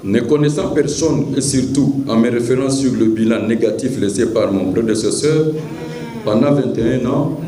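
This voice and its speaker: A man's voice: medium pitch, normal speed, mellow, echoey room, a little hiss or hum, low-quality recording. A man giving a formal speech to meeting participants. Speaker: church leader addressing a meeting.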